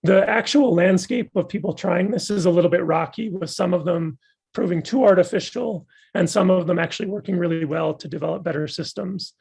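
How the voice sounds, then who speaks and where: A male guest lecturer who is losing his voice answers audience questions after his talk, sounding gravelly, husky and fairly high-pitched yet a little mellow. He speaks fairly quickly, thoughtful and enthusiastic like an eager academic explaining his ideas.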